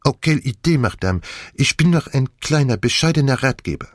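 A man's voice: mid-range voice, animated, brisk, dry recording, clean studio sound, voice pushed up, natural voice. A man voicing a fussy, commanding elderly Belgian detective who speaks German with a French accent in a precise, formal way. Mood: polite, wry. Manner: precise, formal, lightly theatrical.

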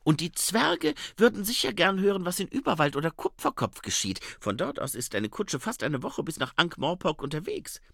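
A man voicing a practical, steady old male dwarf printer in an audiobook. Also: high-pitched, normal speed, vocal fry, few pauses, dry recording, studio quality, voice pushed up, heavily acted. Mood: thoughtful.

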